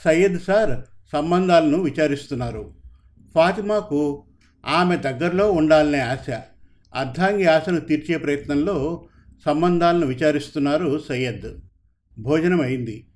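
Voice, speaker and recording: A man narrating a scripted story in a steady, measured reading. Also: fairly high pitch.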